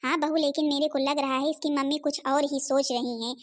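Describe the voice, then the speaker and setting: A woman's voice: high voice, flat delivery, fairly quick, close to an everyday voice. Woman doing a grumbling old mother-in-law. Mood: suspicious. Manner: grumbling, suspicious. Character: suspicious older mother-in-law, household elder. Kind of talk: Hindi cartoon voice acting.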